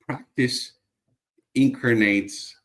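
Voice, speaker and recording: A guest entrepreneur from Bulgaria talks in a casual conversational interview. His medium-pitched voice holds a steady tone and he draws out his words. He comes across as reflective and earnest, restarting his sentences often.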